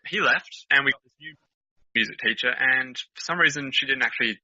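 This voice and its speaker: A man's voice: mid-range voice, brisk, sharp tone, slightly rough, dry recording, lo-fi sound. A young man, chatting casually as a guest on a podcast, with lots of fillers and laughter. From Australia.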